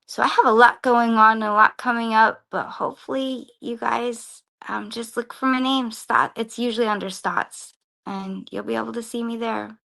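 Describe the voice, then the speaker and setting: A woman guest on a podcast talking casually about her projects and acting out conversations with excitement. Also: a little high, moderate pace, gravelly. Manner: excitable, acts out quoted dialogue. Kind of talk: casual interview chat.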